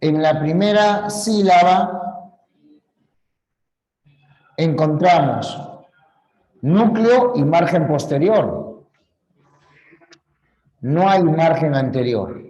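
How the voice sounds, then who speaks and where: A man's voice: on the high side, expressive, drawn-out words, pauses often, a little mellow, low-quality recording. A man teaching a grammar lesson, explaining patiently and repeating key points, correcting himself when he slips. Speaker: language teacher. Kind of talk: slow classroom lecture.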